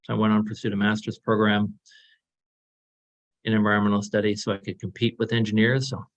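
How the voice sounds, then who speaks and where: A man in his fifties, a panelist, speaking over a remote video call whose audio breaks up, with a measured, halting delivery. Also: fairly low pitch, little pitch movement. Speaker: panelist, director of an industry innovation group. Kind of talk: conference panel remarks. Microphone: laptop or webcam mic on a video call. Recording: lo-fi, dull video-call line.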